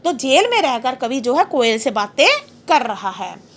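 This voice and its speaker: A woman teaches a poem in a classroom manner, stopping to ask questions and dictate notes. Her voice sits high and swings widely in pitch. She reads the verse lines slowly and with emphasis. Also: big pitch swings. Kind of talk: classroom poetry explanation.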